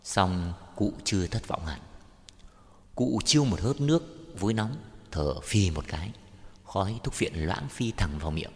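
Male narrator, deep voice, steady storytelling, reverberant room with soft music. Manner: measured, unhurried storytelling. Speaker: audiobook narrator. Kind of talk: scripted short-story narration.

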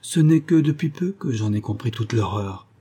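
A man's voice: medium pitch, expressive, normal speed, dark tone, slightly rough. A man reading aloud voices a frightened, tender young woman who pleads with her lover.

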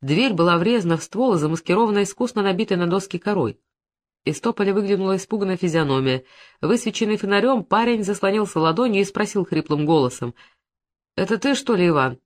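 A woman's voice: mid-range voice, lively intonation, fast. A woman reading an adventure story aloud as narrator, shifting her voice for the characters. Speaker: audiobook narrator.

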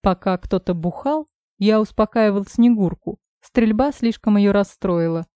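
A woman voicing a cool, controlling young man who speaks low, calm and unhurried, in a dry, slightly dull recording. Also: dry recording, natural voice.

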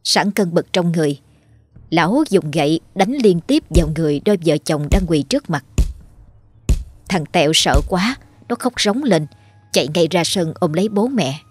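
A woman narrating a dark ghost story dramatically, voicing all the characters herself. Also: lowish voice, expressive, moderate pace, breathy edge.

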